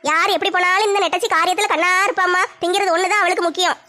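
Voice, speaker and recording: A woman's voice: extremely high pitch, steady tone, racing, bright, forceful tone. A woman performing a comedy skit, teasing and scolding in village banter.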